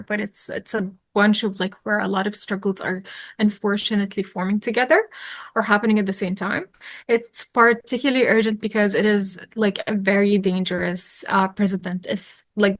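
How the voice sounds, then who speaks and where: An earnest young woman, answering an interviewer's questions off the cuff. She thinks aloud, circles back with fillers and restarts, and speaks at a middle pitch. The sound is dry and close. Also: a bit bright, dry recording. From Jordan. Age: 20s. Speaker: interview guest, activist.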